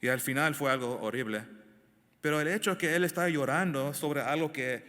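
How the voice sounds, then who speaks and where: A fairly high-pitched man preaches at normal speed in a bright, forceful tone. His verse-by-verse Bible teaching is emphatic, with direct questions for the congregation, recorded in an echoey hall with long reverb.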